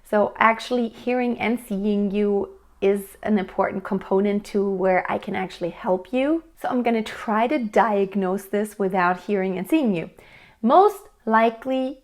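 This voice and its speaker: A woman of medium pitch and moderate pace coaches singing to camera, answering a viewer's question. Her explanations of technique are friendly and patient, punctuated by sung demonstrations.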